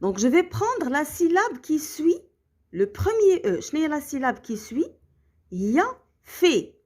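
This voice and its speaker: Animated high-voiced woman teacher, Moroccan accent. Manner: slow, carefully spelled-out explanations with frequent comprehension checks. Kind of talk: French grammar lesson for children.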